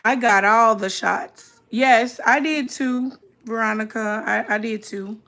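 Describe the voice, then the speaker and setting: A woman's voice: on the high side, slow pace, a bit bright. A woman chatting casually and informally as a live-streamer, reacting to a video and talking directly to her viewers. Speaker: streamer hosting a reaction mukbang.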